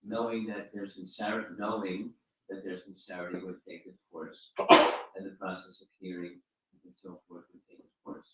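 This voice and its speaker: A fairly low-voiced man gives an informal religious talk and fields questions, often repeating and restarting his words. He is heard from some distance in a very echoey room. The sound is dull and muffled. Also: monotone, normal speed, noisy background. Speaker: spiritual teacher answering questions. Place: room at a home gathering. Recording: roomy, distant, dull recording.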